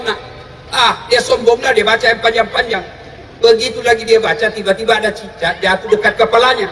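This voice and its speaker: A man with a very high voice preaches a humorous sermon, shouting punchlines between stories. He sounds far from the mic in a big reverberant hall, with a loud crowd and noise around him. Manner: animated storytelling, shouting punchlines, frequent laughter. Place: large hall with an audience.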